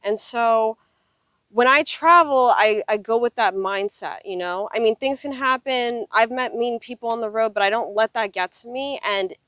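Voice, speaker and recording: Speaking at normal speed in a slightly high, fairly bright voice, a woman in her thirties reflects earnestly as a casual interview guest. She's a full-time RV traveler, and her conversational answers are picked up by a clip-on lapel mic outdoors on an open desert gravel lot, with no room sound.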